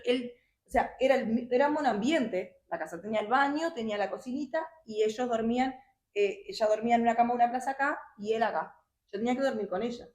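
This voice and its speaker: A young woman telling her personal testimony in a halting, emotional way with many restarts. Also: a little high, darkish tone. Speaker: guest sharing her testimony. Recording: roomy echo.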